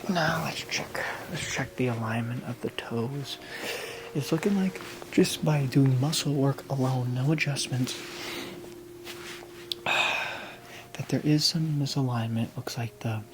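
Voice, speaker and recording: An ASMR role-play by an ASMR performer as a gentle, attentive massage therapist, soothing and instructional. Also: medium pitch, low-quality recording. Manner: soothing, slow counting, instructional. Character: gentle, attentive massage therapist talking a client through treatment.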